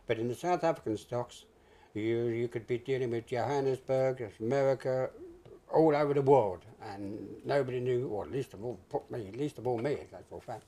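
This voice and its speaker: A man's voice: mid-range voice, normal speed, dark tone. An older man with a British accent, reminiscing in an interview in a conversational, hesitant way, repeating phrases for emphasis. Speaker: interviewee, retired stock jobber. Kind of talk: reminiscing in an oral history interview.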